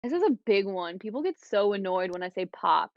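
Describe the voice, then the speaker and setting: A young woman from the Midwest, talking casually as a podcast guest. She chats with plenty of fillers and retells stories with animation. Her voice is mid-pitched and the recording sounds dull and dry. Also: big pitch swings, a little fast, dry recording. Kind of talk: casual chat.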